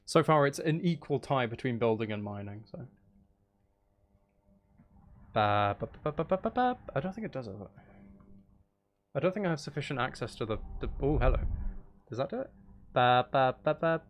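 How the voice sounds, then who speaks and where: A man hosts a live game stream, chatting casually with viewers in a playful, mock-dramatic, self-deprecating way. His medium-pitched voice is animated at normal speed, and he pauses often.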